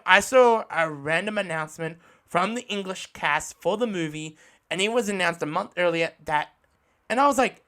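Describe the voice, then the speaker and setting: An Australian man with a high, sharp-toned voice hosts a podcast on his own, reviewing anime in a casual monologue. He comes across as earnest and enthusiastic, frequently repeating himself and rephrasing his points as he goes.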